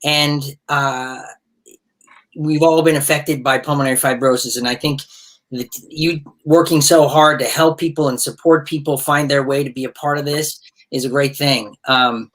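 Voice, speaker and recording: A man's voice: on the high side, steady tone, normal speed. A man chatting casually over a video call as a guest supporter, rambling and restarting his sentences. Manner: rambling, warm-hearted, restarts often.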